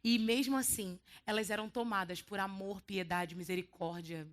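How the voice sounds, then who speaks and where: A woman with a Brazilian Portuguese accent preaching a sermon in a church, telling stories in a lively way with playful quoted voices. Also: mid-range voice, moderate pace. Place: church hall.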